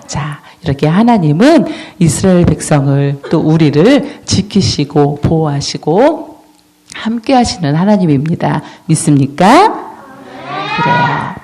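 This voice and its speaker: Lively children's sermon narrator who quizzes the kids as the story goes. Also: medium pitch, unhurried, breathy edge. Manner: storytelling, asks the children questions. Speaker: children's ministry preacher.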